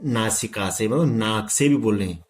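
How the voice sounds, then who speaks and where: A man teaching a pronunciation lesson to students, saying each sound slowly and repeating it for them to echo. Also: fairly low pitch. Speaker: Hindi teacher. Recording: echoey room.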